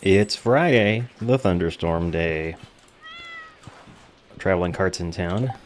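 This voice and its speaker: A man's voice: deep voice, slow, a little hiss or hum. A man hosting a gaming video with casual commentary, speaking informally and jokingly with free use of swearing.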